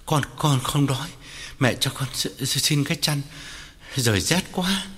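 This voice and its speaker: A man's voice: medium pitch, animated, unhurried, a bit bright, in a large hall. A man voicing a young man sick with fever, stammering and trembling as he speaks. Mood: shivering. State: shivering.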